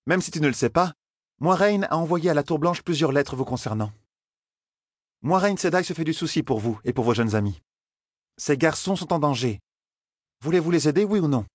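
A man's voice: on the high side, lively intonation, no echo, studio quality, pitched above the performer's own voice. Man voicing a haughty, condescending sorceress. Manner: measured, condescending. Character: haughty cold female Aes Sedai, condescending.

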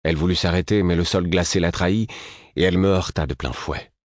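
A man reading a story aloud as an audiobook narrator, in a measured, somber way. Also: sits low, fairly even intonation, no room sound, clean studio sound. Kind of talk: scripted narration.

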